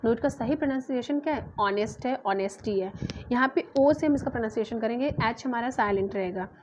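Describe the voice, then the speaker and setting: A high-pitched young woman gives a grammar lesson, stretching each example sentence out to stress the key word. The sound is a little dull and muffled, like a modest lo-fi recording. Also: a little hiss or hum. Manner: explains in Hindi, reads English examples slowly and emphatically. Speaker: English grammar teacher.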